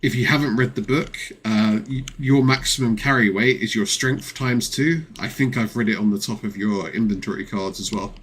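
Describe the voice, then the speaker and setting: A man's voice: fairly low pitch, normal speed, few pauses, fairly bright tone, breathy edge. A man narrating a tabletop game as game master, setting the scene and explaining the rules patiently.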